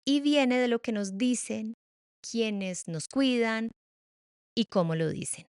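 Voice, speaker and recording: A middle-aged woman hosting a reflective podcast monologue, expressive and playful, shifting pace and loudness and laughing at her own stumbles. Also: fairly high pitch, slow pace, smooth, dry recording, studio quality. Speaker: podcast host.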